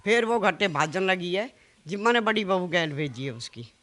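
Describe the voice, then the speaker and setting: A woman's voice: lowish voice, animated, a bit bright. A woman with a Haryanvi accent, the mother of the man interviewed, pleadingly retelling a family fight in a local news interview. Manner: fast, pleading retelling with many quoted exchanges. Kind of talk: emotional interview account.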